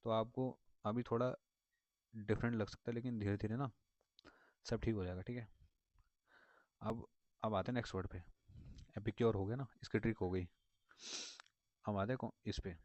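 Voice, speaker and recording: A man gives a casual, rambling vocabulary lesson in a fairly low, steady, slightly mellow voice at a moderate pace with long pauses. He repeats words and circles back with plenty of fillers, and the recording is dry, dull, and lo-fi.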